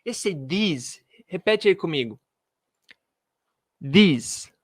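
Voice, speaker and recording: Slow, dry-voiced man teaching English. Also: fairly high pitch, fairly bright tone, no room sound. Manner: slow, drilling pronunciation with repetitions. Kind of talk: video lesson. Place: room with pens and a globe.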